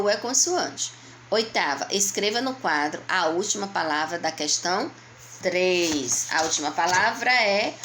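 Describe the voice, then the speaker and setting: A woman with a Brazilian Portuguese accent, a primary school teacher going slowly and patiently through a workbook for young children, asking and answering her own questions. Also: on the low side, a bit bright, a little hiss or hum. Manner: patient, slow, explaining step by step to young children. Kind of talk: remote lesson walking through a workbook.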